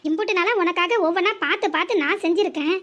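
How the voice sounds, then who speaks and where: A woman voicing a sharp-tongued elderly village mother-in-law in a cartoon comedy, with a southern Tamil Nadu dialect and a nagging, rapid, sing-song complaint. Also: very high voice. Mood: aggrieved.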